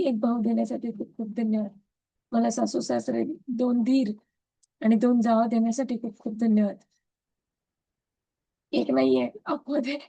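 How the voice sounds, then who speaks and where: A woman's voice: a little high, mellow, no room sound, low-quality recording. A woman with a Marathi accent leading a devotional gratitude practice over a video call, repeating her thanks in an earnest, chanting way.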